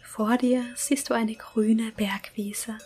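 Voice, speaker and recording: A woman whispering a slow, calm guided meditation. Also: a little high, husky, faint music behind.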